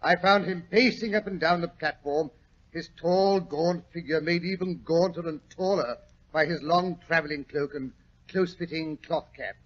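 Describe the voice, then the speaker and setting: A dull, vintage radio recording carries a genial older British doctor, pitched notably high. He spins his old adventures in a fussy, wordy, pompous way, like a proud storyteller in a 1940s radio play. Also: normal speed, fairly bright tone. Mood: reminiscing, jovial.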